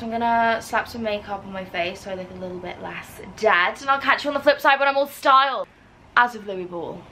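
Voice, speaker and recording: A woman's voice: medium pitch, a bit bright. Scatty, hungover young woman vlogging, noisy recording. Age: early twenties. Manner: playful, gushing slang. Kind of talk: casual chatty vlog to camera.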